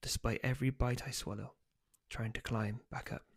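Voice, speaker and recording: A man, the book's author, reading his first chapter aloud in a steady storytelling voice. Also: medium pitch, moderate pace. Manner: steady storytelling, loose and hesitant when speaking offhand.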